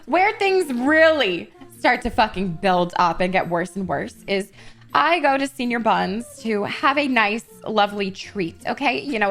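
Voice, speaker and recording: A young woman telling a story in character during a roleplay stream, animated and swearing, building to indignant outbursts. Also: on the high side.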